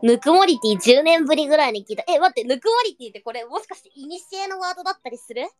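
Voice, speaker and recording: Over soft background music, a high-pitched, animated woman streams live, reading out viewer comments and tossing off quick, surprised reactions in casual chat. Her Japanese is standard, though bits of Kansai dialect slip in now and then.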